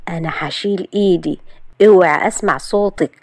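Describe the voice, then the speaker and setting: A proud, teasing young husband, read by a woman storyteller. He talks slowly and coolly, needling his wife. The recording is dry and close. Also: lowish voice, darkish tone, dry recording.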